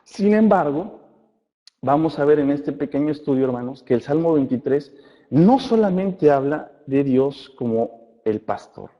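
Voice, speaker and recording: A man teaching a church Bible study class, often checking in with his listeners and reading scripture aloud slowly. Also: fairly high pitch, lively intonation. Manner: addresses listeners as brothers, asks checking questions. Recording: muffled recording in a reverberant hall.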